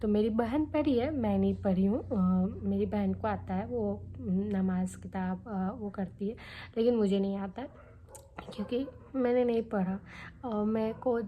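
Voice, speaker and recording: A woman's voice: mid-range voice, a little slow, muffled recording, a little hiss or hum. A young adult woman vlogging casually to the camera, chatty and candid, often checking in with her viewers as she talks. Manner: chatty, candid, tags lines with "theek hai" and "hai na".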